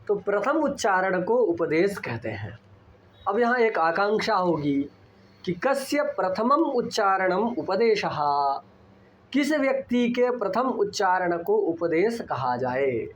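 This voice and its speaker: A man lecturing on Sanskrit grammar, explaining terms deliberately and repeating key points for his students. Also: on the high side, a little hiss or hum.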